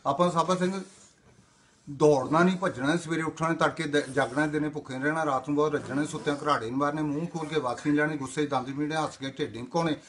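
An older man from Indian Punjab runs through a comic monologue as one long rhyming list, line after line in a sing-song beat. He talks extremely fast, barely pausing between phrases, with a slightly raised pitch. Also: fairly even intonation, fairly bright tone, a little hiss or hum. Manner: chanting long rhythmic lists in a sing-song. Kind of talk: rapid-fire rhyming comic patter.

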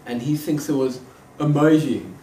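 A man's voice: medium pitch, expressive, moderate pace, mellow. A young man with a South African accent chatting casually as a vlogger, swearing freely. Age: young adult. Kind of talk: casual vlog chat with swearing. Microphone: handheld camera at arm's length. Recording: noisy handheld camera audio.

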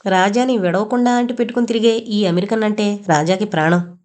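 A woman's voice: mid-range voice, fairly quick, a little mellow. A woman reading an audio novel aloud, narrating and voicing every character herself with small shifts in her voice.

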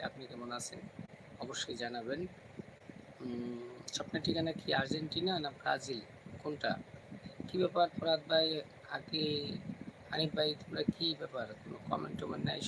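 A man hosting a casual live stream from home at night, speaking quietly so as not to wake the kids and chatting with viewers by name. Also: a little high, steady tone, fairly quick, creaky, pauses often. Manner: talks softly, kids asleep nearby. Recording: noisy home recording, fan hum.

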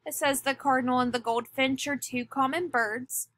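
A woman teacher giving a recorded lesson, speaking deliberately and stressing key words. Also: high voice, fairly even intonation, a bit bright. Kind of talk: recorded classroom lecture.

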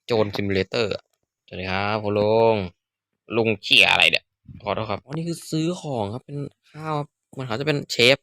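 A man's voice: lowish voice, lively intonation, brisk, creaky, bright, forceful tone, no room sound, studio quality. A young man chatting casually as he plays, joking at himself and blurting out sudden exclamations. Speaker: gaming YouTuber. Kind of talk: casual Minecraft let's-play commentary.

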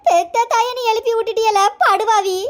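A bossy old mother-in-law with a Tirunelveli accent scolds in rural slang. Her cartoon voice sits extremely high and squeaky, and it stays sharp-tongued throughout. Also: steady tone, moderate pace. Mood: scolding. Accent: Tirunelveli Tamil. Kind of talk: cartoon serial voice acting.

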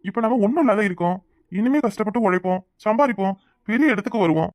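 A man's voice: sits high, lively intonation, fast, no room sound, clean studio sound. A man voicing a proud, devoted young husband who speaks earnestly and makes speeches. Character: proud devoted young husband, brave about being broke.

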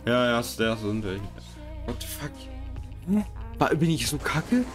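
Young German-speaking gamer guy, mid pitch, excitable, self-mocking, game music and gunfire loud behind. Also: measured pace. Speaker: gaming YouTuber. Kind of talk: casual gameplay commentary.

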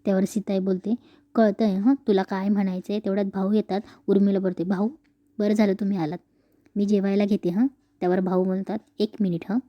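A woman casually retelling a TV serial episode, switching quickly between narration and the characters' lines. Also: mid-range voice, no echo, lo-fi sound.

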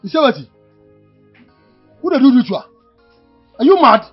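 A man with a Nigerian accent playing an excitable, scheming mechanic in a Nollywood film. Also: very high-pitched, moderate pace, slightly rough, full character voice. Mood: angry. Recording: dull film audio with music.

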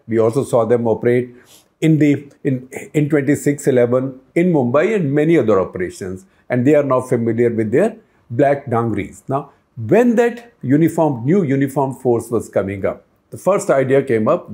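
Speaking into a lapel mic in a book-lined office, an older man presents a news explainer to camera, chatting casually and asking the viewer questions. His voice is mid-range and mellow.

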